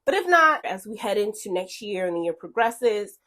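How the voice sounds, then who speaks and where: A woman's voice: mid-range voice, very animated, moderate pace, fairly bright tone. A woman chatting casually as a sewing vlogger, upbeat and friendly with her viewers, a bit out of breath and congested. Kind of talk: casual chat to camera.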